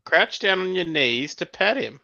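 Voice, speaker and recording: A man's voice: high-pitched, big pitch swings, unhurried, creaky, bright, forceful tone, no room sound. A man playing in a tabletop role-playing game, joking around and hesitating with many ums. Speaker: player. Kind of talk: casual banter at a tabletop game. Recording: dull lo-fi call audio.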